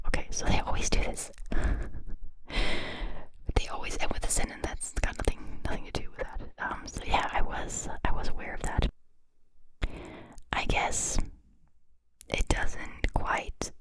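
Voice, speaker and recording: A woman from Europe, speaking English as a second language, delivers ASMR entirely in a breathy whisper. She sits very close to the microphones and reads out material with chatty asides, often interrupting herself as she goes. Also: measured pace, long pauses. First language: not English. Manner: chatty, rambling, self-interrupting. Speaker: ASMR host. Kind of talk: whispered ASMR, reading and commenting on facts. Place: small indoor room set up as a studio. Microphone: pair of close studio condenser microphones.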